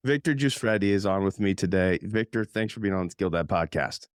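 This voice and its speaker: A man hosting a podcast, talking in a chatty, rambling way with lots of fillers. His voice is a bit hoarse from a cold. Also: deep voice, animated, fast, dry recording, clean studio sound. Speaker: podcast host.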